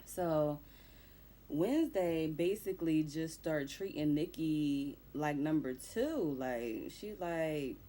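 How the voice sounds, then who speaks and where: A woman's voice: low voice, expressive, slow pace, warm tone. A young woman casually recapping a movie plot in loose, profane slang. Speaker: movie reviewer.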